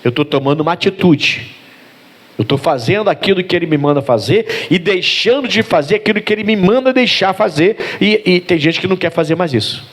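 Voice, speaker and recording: Speaking briskly in a high voice, a Brazilian Portuguese-accented pastor preaches with energy and performs bits of dialogue within his sermon.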